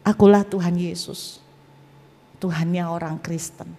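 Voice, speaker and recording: A woman voicing a calm, loving male divine voice that speaks low and slowly in a hush. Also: gravelly, long reverb tail, slight background noise. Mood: tender.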